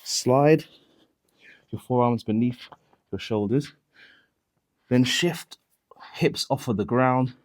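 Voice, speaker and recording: A man leading a mat Pilates workout, calmly cueing each movement and counting the reps, somewhat out of breath. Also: mid-range voice, takes it slowly, pauses often. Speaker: Pilates instructor. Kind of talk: guided workout instruction.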